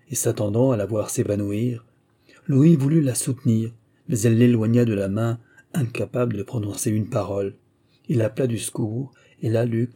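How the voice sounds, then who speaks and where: A man narrates a classic novel in a measured, literary way. His voice is very dark and somewhat husky, at a middle pitch. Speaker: audiobook narrator. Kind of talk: scripted narration.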